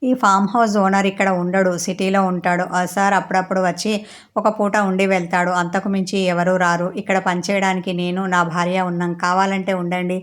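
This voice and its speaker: A woman's voice: fairly low pitch, flat delivery, brisk, natural voice. A woman voicing a timid male watchman who pleads innocence, in a narrated story. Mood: explaining.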